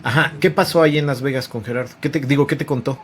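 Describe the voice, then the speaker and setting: A man's voice: medium pitch, fast, slight background noise. A man hosting an interview, asking short prompting questions and clarifying for the audience. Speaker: interviewer host.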